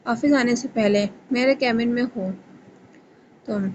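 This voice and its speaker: A woman's voice: on the high side, lo-fi sound, slight background noise, lightly acted. A woman reading the lines of a bitter, angry young male boss in a romance novel reading. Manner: sharp and scornful.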